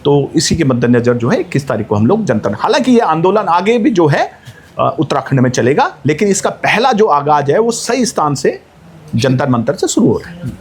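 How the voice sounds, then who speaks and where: A man's voice: fairly high pitch, big pitch swings, moderate pace, husky. A man speaking as an activist guest, making a rousing, rhetorical appeal that climbs to emphatic peaks. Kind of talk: impassioned interview speech.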